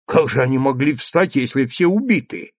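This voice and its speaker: A man's voice: medium pitch, animated, normal speed, no room sound, studio quality, lightly acted. A man voicing a gloomy female cook in an audiobook, plain-spoken and grim.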